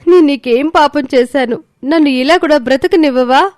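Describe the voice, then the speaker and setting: A woman's voice: high-pitched, moderate pace, darkish tone, no echo, clean studio sound, lightly acted. A woman voicing a suffering young mother. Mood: pleading. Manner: pleading, sorrowful. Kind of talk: storybook voice acting.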